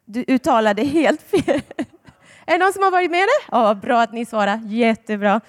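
A woman's voice: on the high side, sing-song. Woman preaching in a reverberant hall. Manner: chatty, personal storytelling with dramatic emphasis. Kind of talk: sermon to a congregation.

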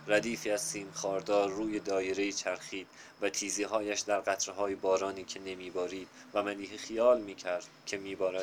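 Low-voiced man reading a literary story. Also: slight background noise. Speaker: narrator. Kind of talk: literary audiobook narration.

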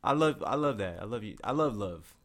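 A man's voice: fairly low pitch, expressive, brisk, fairly bright tone. A man co-hosting a podcast in casual, profane, laughing banter. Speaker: podcast co-host. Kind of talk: casual chat.

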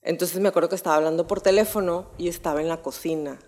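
A young woman with a Mexican accent telling a personal story on a podcast in a casual, animated way, full of slang and swearing. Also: lowish voice, quick pace. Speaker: podcast host.

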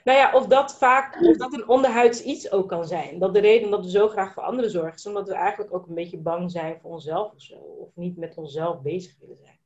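A woman's voice: mid-range voice, fairly quick, hardly any pauses, a little mellow. Upbeat woman hosting a podcast, tosses in english bits, kinda muffled sound. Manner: enthusiastic, mixes in English phrases. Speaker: podcast host. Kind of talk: casual podcast conversation. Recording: dull lo-fi sound.

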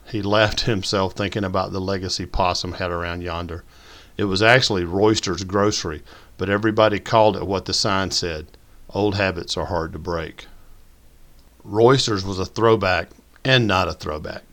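A man narrates a novel. His voice is deep and his telling folksy and measured. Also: steady tone, a bit bright. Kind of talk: audiobook narration.

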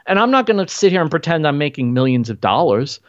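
A man's voice: on the high side, very animated, quick pace, no room sound, muffled recording. A man talking in an earnest, motivational way in a casual podcast conversation, driving points home with repetition. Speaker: podcast guest.

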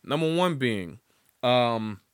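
Taking it slowly in an animated, mid-range voice, a man hosts his own casual solo podcast, rambling loosely, joking and swearing a lot. The clean studio sound has a clean tone and no room sound.

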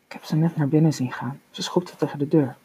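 A woman reading aloud, voicing a tense, secretive teenage boy who speaks in a hush. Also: sits low, fairly quick, slight background noise, lightly acted, rough recording. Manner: hushed and tense.

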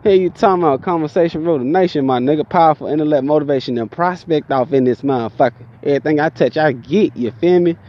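A man's voice: on the high side, fast, few pauses. Profane Southern man from Georgia. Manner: profane, slangy, animated. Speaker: storyteller. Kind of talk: casual storytelling monologue. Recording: dull lo-fi recording.

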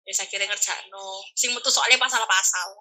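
Brief: young woman, East Javanese accent, very bright tone, animated casual storytelling. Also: medium pitch, quick pace, low-quality recording. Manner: animated, acts out quoted people. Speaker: guest telling her story.

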